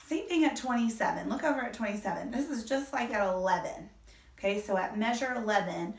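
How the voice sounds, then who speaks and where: A woman orchestra teacher giving a violin lesson, explaining step by step and counting beats aloud. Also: medium pitch. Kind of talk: instrument lesson. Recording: echoey room, mic at a distance, violin playing.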